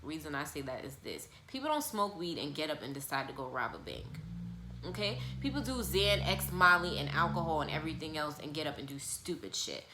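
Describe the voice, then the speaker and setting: A woman's voice: low voice, big pitch swings, fairly quick, noisy background. A young adult woman talking candidly and bluntly in a personal vlog monologue, repeating herself for emphasis and swearing casually. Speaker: vlogger. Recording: echoey room.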